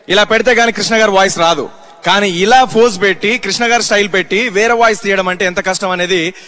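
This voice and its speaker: A mimicry artist on stage, chatting and introducing each impression. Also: male voice, sits high, bright, forceful tone. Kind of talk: stage comedy show. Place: outdoor stage event before a crowd.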